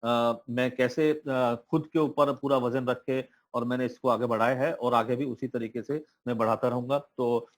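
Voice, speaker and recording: A man speaking on an online meeting call, pitching a business plan in a motivational tone with many hesitant fillers. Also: steady tone, moderate pace, few pauses. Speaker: presenter of crypto network plan. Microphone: online call audio.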